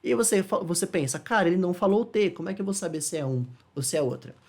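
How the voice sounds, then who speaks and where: A man with a Brazilian Portuguese accent teaching an English lesson in a casual, explanatory way, often pausing with checking questions. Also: high voice, lively intonation. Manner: chatty, asks checking questions, slows to demonstrate English phrases.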